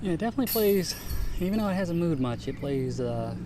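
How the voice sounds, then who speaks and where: A man's voice: a little high, very animated, fast talker. A man giving joking, laid-back color commentary on a disc golf match outdoors. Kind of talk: casual live commentary. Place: outdoors at a park course. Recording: noisy outdoor live stream.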